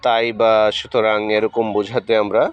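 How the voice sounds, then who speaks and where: A man's voice: lowish voice, level tone, moderate pace, muffled recording. A man with a Bengali accent teaching English pronunciation while walking, spelling words out letter by letter and switching between Bengali and English. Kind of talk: walking vlog-style lesson.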